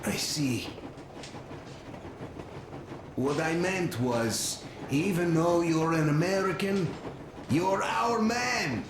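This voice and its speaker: A man playing a teasing, warm-hearted young Russian soldier in a video game, with a Russian accent. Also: a little high, very slow, pauses often. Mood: reassuring. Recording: very echoey, noisy game audio.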